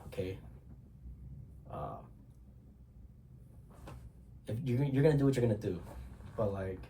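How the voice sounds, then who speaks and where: Low-voiced congested young man rambling. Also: darkish tone, a little hiss or hum. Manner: rambling, loose, swears casually, many fillers. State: congested from a cold. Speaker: vlogger. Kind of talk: casual talk to camera.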